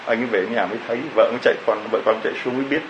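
A man's voice: medium pitch, rapid-fire, dull audio, noisy background. A man preaching a homily, telling a story and firing off rhetorical questions to the congregation.

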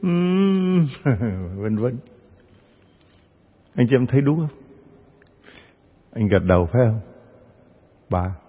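Priest giving a sermon, raspy voice, acts out other voices, reverberant lo-fi church recording. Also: male voice, medium pitch, big pitch swings, slow, pauses often. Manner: storytelling, acts out parishioners' voices. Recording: dull sound with long church reverb.

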